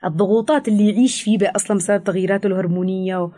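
A woman with a Yemeni Arabic accent, a counselor explaining things in an interview, fast with frequent hesitations. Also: medium pitch, fairly even intonation, dark tone. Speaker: teen counselor. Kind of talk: expert interview answers.

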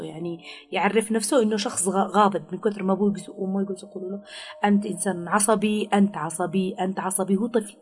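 A woman's voice: medium pitch, a little mellow, breathy edge. A woman giving parenting advice in an interview, explaining patiently and acting out what parents might say to a child.

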